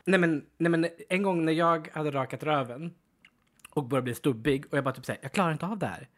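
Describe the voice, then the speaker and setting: A man co-hosting a podcast at home, chatting casually, animated and defensive, laughing often. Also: on the high side. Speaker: podcast co-host. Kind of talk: casual chat. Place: at home, dog in the room.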